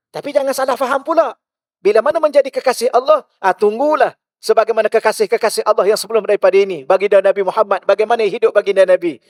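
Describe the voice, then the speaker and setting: A male religious teacher with a Malaysian Malay accent, giving a mosque lecture full of rhetorical questions, shifting between loud and hushed. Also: sits high, no room sound, studio quality.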